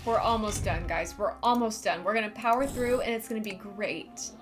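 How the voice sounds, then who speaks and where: A woman's voice: medium pitch, normal speed, over music. A woman streaming a game, chatting casually and thinking aloud as she plays. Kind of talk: casual live-stream commentary.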